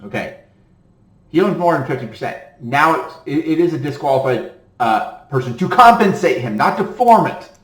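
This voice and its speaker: Roomy-sounding man explaining law, "okay?". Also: mid-range voice. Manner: reads legal text then breaks off to explain, with frequent "okay?". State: voice tiring. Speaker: attorney teaching about self-directed retirement accounts. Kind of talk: casual explanatory lecture, reading a court ruling aloud.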